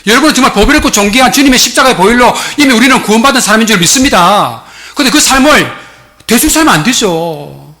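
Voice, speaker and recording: A man's voice: extremely high pitch, lively intonation, fast talker, pushed and bright. A male pastor preaching a sermon in a church, emphatic and exhorting, repeatedly calling out to his congregation. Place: church sanctuary.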